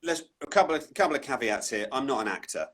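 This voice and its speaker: A man with a Southeast English accent, a voice-over artist talking casually in an interview, animated and self-deprecating, with many restarts. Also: mid-range voice, quick pace, breathy edge. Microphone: Instagram live call.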